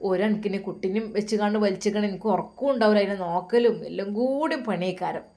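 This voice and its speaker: A woman's voice: medium pitch, fast talker, warm tone, lightly acted. A woman voicing a complaining, self-pitying mother who scolds and grumbles in a Malappuram Malayalam accent. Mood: grumbling.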